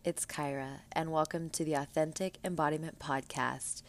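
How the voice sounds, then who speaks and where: A woman hosting a spiritual podcast, speaking gently in measured, deliberate phrases. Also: deep voice, fairly even intonation. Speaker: podcast host.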